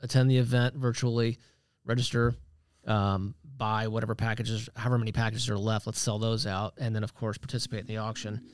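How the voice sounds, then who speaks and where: A man's voice: on the low side, a little fast, hardly any pauses, smooth, no echo. A man hosting a podcast, chatting casually and joking with his guests. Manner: relaxed, joking, wraps up the show. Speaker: podcast host. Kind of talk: casual chat.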